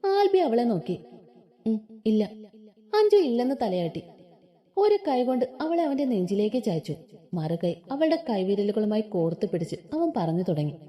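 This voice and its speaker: Mellow-voiced woman reading a story. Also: a little high, big pitch swings, moderate pace. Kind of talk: scripted story narration.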